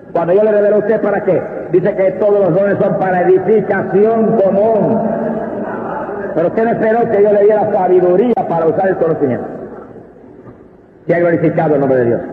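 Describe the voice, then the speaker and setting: A man preaching a fervent Pentecostal sermon, swinging between slow drawn-out emphasis and quick bursts. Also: high-pitched, a little hiss or hum. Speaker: evangelist preacher. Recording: tinny lo-fi recording in a reverberant hall.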